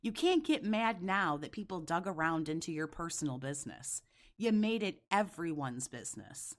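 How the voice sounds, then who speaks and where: A woman delivers reaction commentary in a slightly low voice. She is blunt and sarcastic, scolding her subject and swearing freely as she makes her case. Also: very animated, normal speed.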